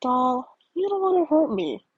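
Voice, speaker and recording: A woman voicing a sly, menacing skeleton villain, a deep-voiced man, in a story reading with a slow, relishing delivery. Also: very animated, no echo, muffled recording.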